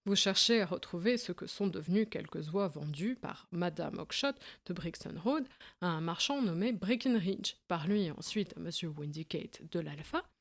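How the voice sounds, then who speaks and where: A woman reading an audiobook, voicing a shrewd male detective in a smooth, measured manner. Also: lowish voice, expressive. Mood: calm.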